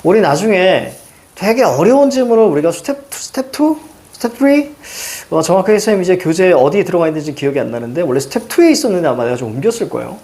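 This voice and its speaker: A middle-aged man teaching a reading lesson, quizzing students with quick questions and a repeated "now". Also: high voice, sing-song, darkish tone. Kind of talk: recorded lecture explaining a reading passage.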